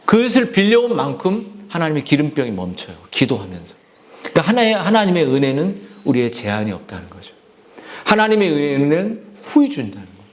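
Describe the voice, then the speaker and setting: A man's voice: a little high, wildly swooping pitch, fairly quick. A male pastor preaching an impassioned sermon, repeating phrases and often breaking off mid-word as he presses his congregation. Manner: restarts and trails off mid-word.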